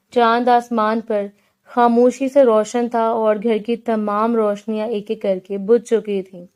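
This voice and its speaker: Calm woman narrating a romance audiobook, warm mellow voice, smooth. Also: on the high side. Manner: calm, gentle and unhurried storytelling. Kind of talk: reading a romance novel aloud.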